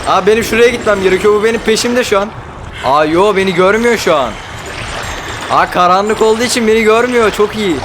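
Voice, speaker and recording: A man giving live commentary while playing a horror game, jumpy and panicky, often yelling and swearing. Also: sits high, fast, noisy background.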